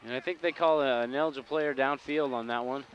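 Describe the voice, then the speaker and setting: A man calling plays at a local high school football game in an easygoing, upbeat way. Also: steady tone, quick pace, dull audio, slight background noise. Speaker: football play-by-play announcer.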